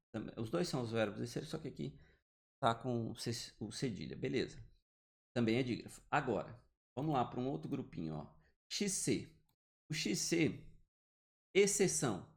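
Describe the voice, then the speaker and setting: A man's voice: medium pitch, vocal fry, darkish tone. A man giving an online grammar lesson, explaining step by step and often checking in with the listener. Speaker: teacher. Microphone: computer mic, drawing with the mouse.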